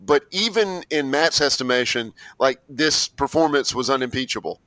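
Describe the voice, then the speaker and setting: Bright-voiced, joking man on a dry mic. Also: medium pitch, animated, normal speed, no echo, poor audio. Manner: joking, sardonic, stammers. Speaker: podcast co-host. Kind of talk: casual music podcast chat.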